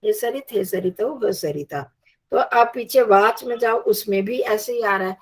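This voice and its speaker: A woman's voice: medium pitch, a little slow. A woman teaching a Sanskrit lesson, patiently reciting and drilling word forms aloud.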